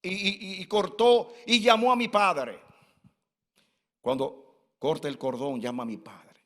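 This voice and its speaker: A pastor in his sixties shares fervent personal testimony from the pulpit of a church hall whose reverb lingers long. He sits high in pitch, keeps a steady tone, sounds a little bright, and takes his time.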